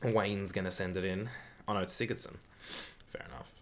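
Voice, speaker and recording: A man hosting a casual live football watch-along stream, chatting with viewers and reacting loudly to the play. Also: sits low, fairly even intonation, fairly quick, a little hiss or hum.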